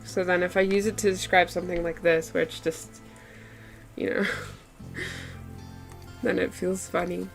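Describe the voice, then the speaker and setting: Her voice is lowish and gravelly with a level tone, and she speaks at a measured pace, pausing often, over soft background music. This artist, whose first language is Afrikaans, chats casually and giggles frequently while drawing on stream, using plenty of fillers like "like".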